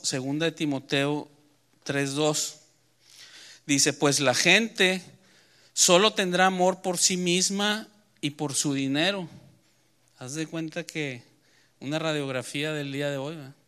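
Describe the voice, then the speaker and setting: A man preaching a sermon in church, moving between quiet Bible reading and emphatic, rising points. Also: a little high, clear, resonant tone.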